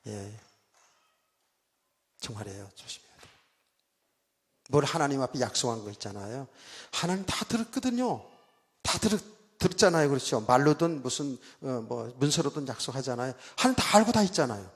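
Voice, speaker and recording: A middle-aged male pastor preaching a sermon, telling a story with loud bursts and hushed asides and often asking his listeners to agree. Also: mid-range voice, fairly quick, pauses often. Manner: animated storytelling, swings from loud exclamations to quiet asides; keeps asking the congregation for agreement. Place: church sanctuary. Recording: church hall reverb.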